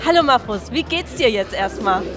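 High-voiced young woman interviewing amid crowd. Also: lively intonation, moderate pace. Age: young adult. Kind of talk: casual on-site interview. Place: indoor boxing hall, at a sponsor wall. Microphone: handheld microphone. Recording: music and crowd noise behind. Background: music and crowd.

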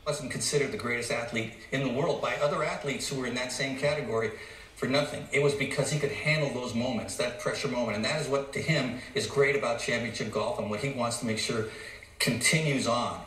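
A man giving earnest, measured studio commentary as a television golf analyst. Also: mid-range voice, a bit bright, far from the mic, slight background noise. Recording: echoey clip played from afar.

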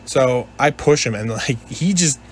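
A man's voice: medium pitch, unhurried, slight background noise. Rambling, hesitant man telling a casual story. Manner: hesitant, repetitive, conversational, quotes dialogue. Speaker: gaming video narrator telling a personal story.

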